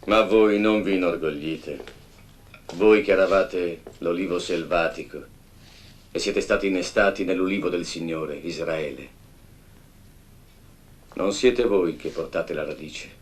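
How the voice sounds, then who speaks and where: A grave imprisoned apostle, speaks in a measured, softly admonishing film voice. His tone sits deep and low. He sounds calm, unhurried and serious. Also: a little hiss or hum. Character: imprisoned male apostle, calm elder teacher. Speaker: actor in a film scene. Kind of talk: film drama dialogue.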